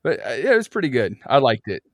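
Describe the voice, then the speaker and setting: A man's voice: mid-range voice, big pitch swings, fast talker, no room sound, studio quality. A man co-hosting a podcast, laid-back and swearing freely in a casual chat. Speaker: podcast co-host.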